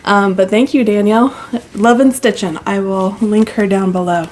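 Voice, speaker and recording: A woman's voice: medium pitch, fairly even intonation, moderate pace, a little mellow. A woman co-hosting a casual chat about her stitching channel, chatty and giggly with many ums, recorded on a mic plugged into a phone. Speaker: co-host of a cross-stitch channel. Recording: faint background noise, phone mic.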